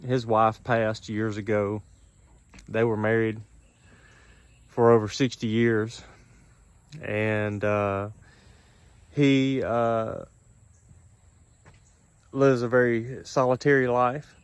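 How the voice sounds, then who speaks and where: Slow, drowsy middle-aged man, halting. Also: fairly low pitch, level tone, clean tone, no room sound. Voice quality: dry mouth, gum chewing while talking. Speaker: vlogger. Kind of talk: casual solo vlog, rambling personal talk.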